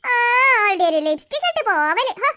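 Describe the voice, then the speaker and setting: A woman's voice: extremely high pitch, very animated, a little fast, pushed and bright, heavily acted. A woman voicing a fussy cartoon mother of three who scolds and coaxes her children. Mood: scolding. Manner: scolding, nagging, coaxing. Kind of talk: cartoon voice acting.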